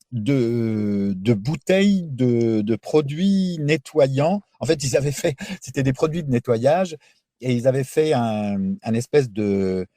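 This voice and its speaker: Male voice actor from France, mellow tone, chatty and animated, dry studio sound. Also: mid-range voice, dry recording. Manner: animated, talkative, explains with examples. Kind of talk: radio interview. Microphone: studio microphone.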